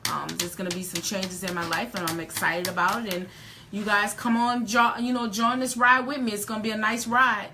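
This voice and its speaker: A woman's voice: medium pitch, steady tone, fairly quick, noisy background. A woman in her late forties hosting a casual live chat, emphatic and folksy, repeating words for stress. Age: 40s. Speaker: host.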